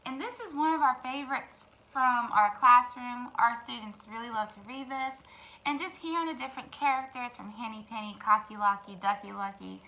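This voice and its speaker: Her voice a little high, a woman teacher reads aloud expressively to young kids at storytime, pausing for asides addressed directly to them. The recording is low quality, with clear background noise.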